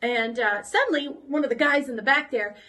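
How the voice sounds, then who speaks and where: A woman children's pastor telling a Bible story to kids, casual and animated, acting out the crowd's voices. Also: high-pitched, fairly quick, low-quality recording.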